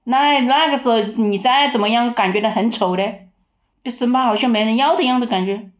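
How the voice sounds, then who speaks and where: Brief: mother in her 50s, interviewee, casual and halting recollection with frequent restarts. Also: on the high side. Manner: halting, repeats words as she recalls.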